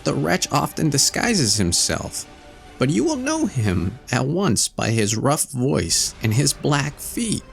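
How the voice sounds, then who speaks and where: A man's voice: medium pitch, wildly swooping pitch, takes it slowly, vocal fry, faint music behind, pitched above the performer's own voice, heavily acted. A man playing a caring mother goat. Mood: warning. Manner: gentle warning.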